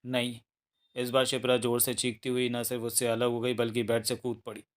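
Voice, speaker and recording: A man reading a thriller novel aloud as an audiobook narrator, in a steady storytelling manner. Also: medium pitch, fairly quick, clear, resonant tone.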